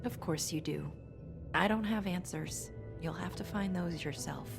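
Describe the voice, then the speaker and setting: A sultry, secretive woman of the night in a video game. Her voice is low for a woman and she takes her time over every word, coy and guarded, with music clearly behind her. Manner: slow, coy, measured.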